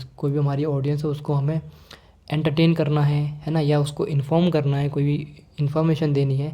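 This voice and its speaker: A young man talks through exam material like a friendly tutor. His voice is warm and mellow, and he slowly reads out English lines before explaining each in everyday speech. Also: a little high. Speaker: teacher explaining exam answers. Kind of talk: casual lecture.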